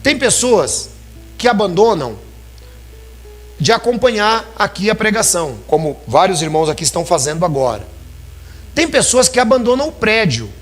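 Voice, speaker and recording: A man's voice: high-pitched, very animated, moderate pace, faint music behind. A man preaching a sermon in a church, talking conversationally and calling his listeners brothers.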